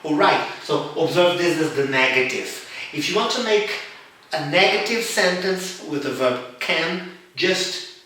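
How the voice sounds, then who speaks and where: Slow, deliberate man teaching in an echoey room. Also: a little high, bright, forceful tone, distant mic. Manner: slow, deliberate, repeats examples. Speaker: English teacher. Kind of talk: grammar lesson.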